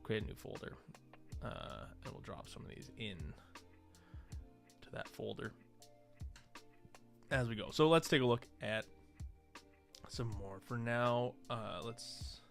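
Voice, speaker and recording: Over faint background music, a man who streams and makes visual art thinks aloud in halting fragments while working on screen. His medium-pitched voice is slow and gravelly, broken by long pauses.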